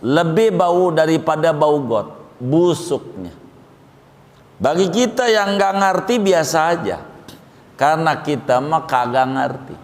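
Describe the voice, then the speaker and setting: Preacher guy, talks slow n chatty, voice jumps up high when he makes a point, big hall echo. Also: animated. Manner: colloquial joking preacher, pitch jumps up for emphasis. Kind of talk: sermon. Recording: long hall reverb.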